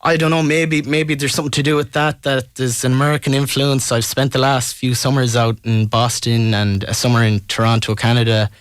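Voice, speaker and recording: A man's voice: mid-range voice, little pitch movement, a little fast, hardly any pauses, smooth, dry recording, clean studio sound. A man from Ireland with a west of Ireland accent, talking casually and tentatively as a musician in a radio interview.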